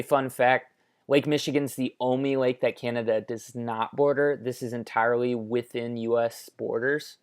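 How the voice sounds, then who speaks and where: An American presenter gives a casual, conversational explainer over maps, tossing in offhand asides and speaking into a headphone microphone. His mid-range voice is clear and resonant.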